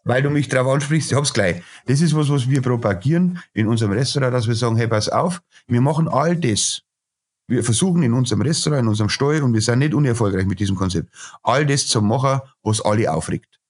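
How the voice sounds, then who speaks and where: Talking fast in an animated mid-range voice, this middle-aged man is a chef and restaurateur on a casual podcast. He rants bluntly, packing his speech with fillers and restarting sentences again and again.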